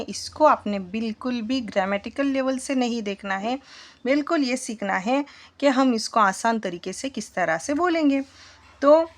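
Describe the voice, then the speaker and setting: A woman teaching a spoken English lesson in Hindi, patiently quizzing her students as she goes. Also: a little high. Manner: slow, patient, asks the class questions.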